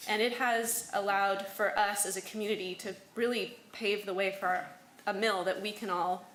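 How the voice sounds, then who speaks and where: A woman hosting a community meeting, addressing the gathering in measured phrases with pauses. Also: medium pitch, fairly even intonation, a bit bright. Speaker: host introducing speakers. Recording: echoey room, faint noise.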